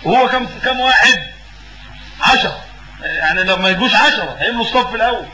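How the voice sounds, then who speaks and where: A man's voice: sits high, lively intonation, fast talker, reverberant, noisy background. A man with an Egyptian accent giving a religious lesson as a preacher. He asks questions and fills in the answers himself, and he repeats words for emphasis. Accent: Egyptian Arabic.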